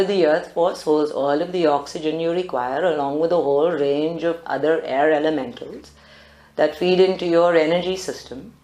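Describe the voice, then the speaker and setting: A South African woman with a low voice guides a meditation in an indoor group room. She speaks calmly, deliberately and instructively, and the live recording sounds very roomy.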